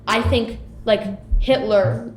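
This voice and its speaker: A woman's voice: on the high side, steady tone, takes it slowly, heavy background noise. A young woman chatting casually in an informal, rambling, opinionated way. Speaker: audio tour participant. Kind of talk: casual chat. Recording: roomy echo, music behind.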